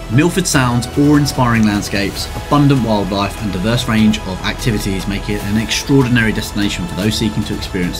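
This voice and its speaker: A man reading scripted nature documentary narration in a measured, polished way. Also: mid-range voice. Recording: music behind the voice. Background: background music.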